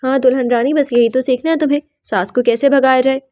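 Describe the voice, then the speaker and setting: A woman's voice: a little high, fairly even intonation, warm tone, close to an everyday voice. A woman voicing a stern old grandmother who rules the family in an audiobook novel. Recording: dull, slightly lo-fi.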